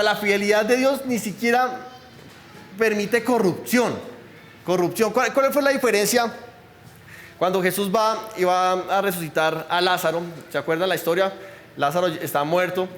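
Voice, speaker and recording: A man's voice: high voice, a bit bright, big-room sound. A man preaching a sermon as pastor, talking conversationally and often asking the congregation questions. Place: church.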